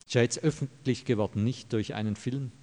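A man's voice: mid-range voice, steady tone, a little fast, a little mellow. A pastor delivering a sermon in a church, emphatic and direct with the congregation, repeating his key phrases. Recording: long hall reverb.

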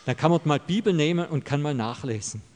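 A man's voice: fairly high pitch, expressive, fairly quick, a little mellow. A pastor delivering a sermon in a church, emphatic and direct with the congregation, repeating his key phrases. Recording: long hall reverb.

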